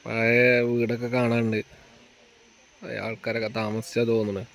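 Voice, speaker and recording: A man's voice: mid-range voice, monotone, normal speed. A man giving casual travel vlog commentary in Malayalam mixed with English words. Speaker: vlogger. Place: outdoors on a road trip. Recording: noisy outdoor recording, vehicle sounds.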